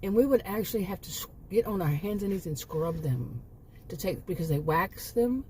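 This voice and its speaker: A woman's voice: fairly low pitch, expressive, moderate pace, a little mellow, a little hiss or hum. A woman in her late fifties chatting casually in a rambling vlog, often correcting herself and chuckling at her own asides. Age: 50s. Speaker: homemaking vlogger.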